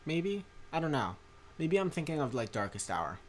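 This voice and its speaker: A man's voice: fairly high pitch, very animated, normal speed, a little hiss or hum. A young man livestreaming a strategy game, chatting in a rambling way with many fillers and restarts while reading chat. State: tired from a long day. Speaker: streamer and mod maker. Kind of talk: casual livestream commentary.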